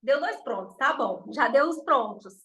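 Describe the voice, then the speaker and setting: A woman's voice: sits high, expressive, normal speed, sharp tone, low-quality recording. A woman from Minas Gerais with a mineiro Brazilian accent, giving chatty, reassuring exam advice and acting out what people say. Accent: Mineiro Brazilian Portuguese. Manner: chatty, reassuring, acts out quoted remarks. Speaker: exam prep teacher. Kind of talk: informal teaching talk to camera.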